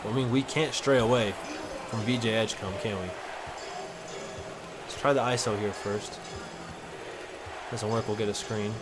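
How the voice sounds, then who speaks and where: A man giving casual, excited play-by-play commentary over a basketball video game, with slang in his talk. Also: lowish voice, moderate pace, long pauses, over music. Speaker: gaming content creator.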